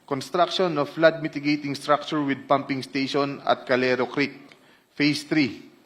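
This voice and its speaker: A man's voice: fairly high pitch, little pitch movement, normal speed, fairly bright tone. A man with a Filipino accent giving formal testimony as a witness, reading out a statement that mixes Tagalog and English.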